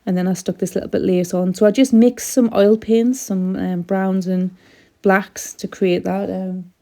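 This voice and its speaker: Middle-aged woman, casual craft vlogger, soft mellow voice slightly going, chatty and meandering. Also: medium pitch, steady tone, measured pace. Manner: chatty, rambling, frequent ums. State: losing her voice a little. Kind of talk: casual craft tutorial voice-over.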